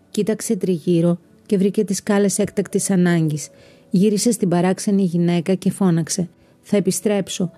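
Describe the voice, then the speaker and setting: Female storyteller for scripted narration, dark mellow tone, steady delivery. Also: fairly low pitch. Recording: narration over soft background music.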